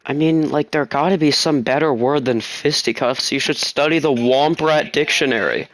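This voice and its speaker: A man's voice: fairly high pitch, moderate pace, fairly bright tone. A young man chatting casually while gaming, teasing and laughing often. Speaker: gamer. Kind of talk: casual game chat.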